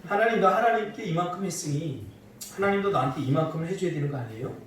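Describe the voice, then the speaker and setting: A middle-aged man preaches a sermon and teases his congregation with playful asides. His voice sits high and swings widely in pitch. It is picked up from a distance in a very echoey church hall, with faint noise behind. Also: animated, fast talker, a bit bright. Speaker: pastor. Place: church sanctuary.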